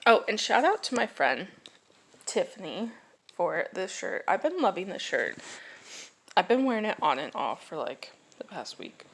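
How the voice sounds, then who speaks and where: A woman's voice: medium pitch, very animated, a little hiss or hum. A woman in her thirties chatting casually to camera for her family vlog, rambling with restarts, sighs and yawns. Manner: rambling, halting, yawning, with sighs and laughs. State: drowsy. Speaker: family vlogger.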